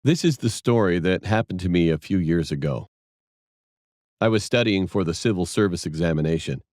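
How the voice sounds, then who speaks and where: A man's voice: sits low, moderate pace, a little mellow, no room sound, studio quality. A man narrating a first-person horror story in a plain, matter-of-fact way.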